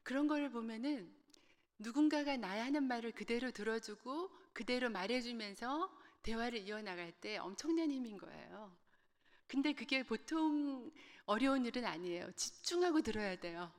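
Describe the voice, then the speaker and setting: A woman's voice: fairly high pitch, normal speed. Humorous woman speaking in a church hall. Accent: Gyeongsang Korean. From Korea. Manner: lively and humorous, addressing the audience directly. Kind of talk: sermon-style talk to a church group. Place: church sanctuary. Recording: long reverb of a church hall.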